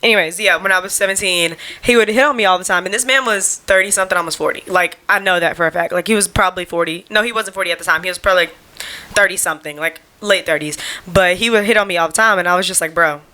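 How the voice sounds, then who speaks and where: A young woman talks straight to her camera at home, rambling from one thought to the next. Her voice sits a little low but has a bright, forward edge, and her speech is loose, slangy and full of fillers. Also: fast. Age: young adult. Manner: rambling and chatty, heavy on "like" and slang. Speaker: podcast host. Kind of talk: casual solo podcast chat.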